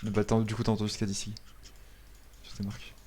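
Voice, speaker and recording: A man's voice: lowish voice, monotone, quick pace, darkish tone, slight background noise. A man playing an online game, chatting casually with teammates, teasing and laughing often. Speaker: streamer playing support. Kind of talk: casual gaming chat.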